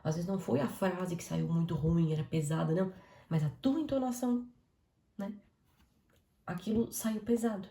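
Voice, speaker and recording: A woman giving a casual devotional talk on a live stream, talking fast and speaking straight to her listeners. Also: fairly low pitch, creaky, roomy sound. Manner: fast, warm-hearted, conversational, addresses audience as "gente".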